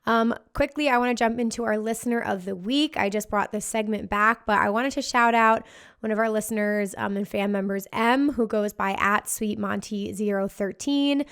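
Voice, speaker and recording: A woman's voice: medium pitch, fairly even intonation, normal speed, fairly bright tone, clean tone. A woman hosting a casual solo podcast with upbeat, giddy party-girl enthusiasm and a slightly worn post-party voice. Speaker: podcast host. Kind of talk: casual podcast monologue, festival recap.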